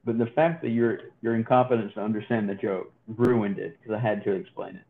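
A man's voice: on the low side, brisk, creaky. A man co-hosting a casual podcast, joking around and rambling with frequent restarts. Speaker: podcast co-host. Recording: tinny phone-like sound.

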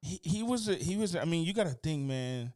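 Man co-hosting a podcast, slightly high voice, loose and profane, animated storyteller. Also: a little fast. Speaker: podcast co-host. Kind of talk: casual chat.

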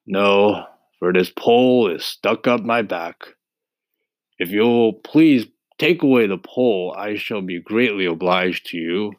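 A man voicing a friendly male scarecrow with a husky voice, polite and earnest. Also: on the low side, slow pace, no room sound.

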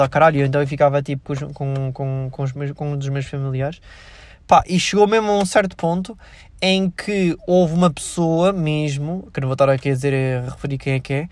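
Young man, European Portuguese accent, rambling and profane, slightly higher voice, dry sound. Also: no room sound. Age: 20s. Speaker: vlogger. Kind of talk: casual monologue.

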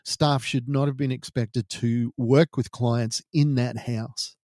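A middle-aged Australian man hosting a podcast, telling his own story gravely and deliberately, like a true crime narrator. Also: mid-range voice, steady tone, darkish tone, no echo, clean studio sound. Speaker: podcast host.

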